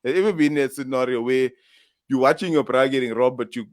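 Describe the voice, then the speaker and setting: A man's voice: medium pitch, steady tone, fast, no echo, studio quality. A man with a Durban South African accent hosting a casual chat, laid-back and laughing along, speaking to viewers. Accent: South African English, Durban. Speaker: host.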